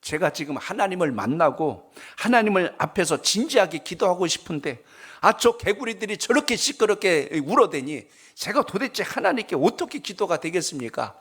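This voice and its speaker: A man voicing an irritated medieval monk who yells and pleads loudly. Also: high voice, big pitch swings, normal speed, husky, pitched above the performer's own voice, exaggerated voice. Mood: pleading. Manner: loud exasperated yelling. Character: irritated medieval male monk shouting at frogs.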